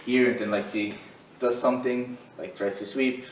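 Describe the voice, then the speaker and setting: A man's voice: medium pitch, steady tone, moderate pace, reverberant, far from the mic, slight background noise, low-quality recording. A man teaching jiu-jitsu in a loose, conversational way while demonstrating on the mat. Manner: loose and conversational, many fillers. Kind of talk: casual instructional demo.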